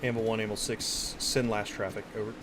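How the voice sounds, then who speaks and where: A man's voice: level tone, fairly quick. A man giving clipped orders in military radio procedure as the commander in a military simulation game. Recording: very noisy, clicks and vehicle rumble.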